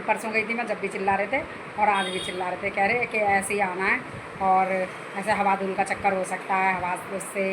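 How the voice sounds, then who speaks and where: A middle-aged woman and mother chatting casually to viewers from her home kitchen, repeating herself and calling them guys. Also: mid-range voice. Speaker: vlogger, mother. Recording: noisy home phone recording.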